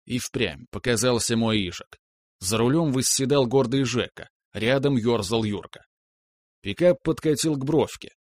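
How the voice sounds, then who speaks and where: A man calmly narrating a first-person story as an audiobook reader. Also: medium pitch, moderate pace, dry recording. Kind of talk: scripted narration.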